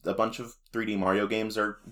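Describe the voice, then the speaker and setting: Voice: medium pitch, little pitch movement, brisk, fairly bright tone. A podcast co-host casually recapping a cartoon, rambling with lots of fillers and restarts. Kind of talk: casual chat.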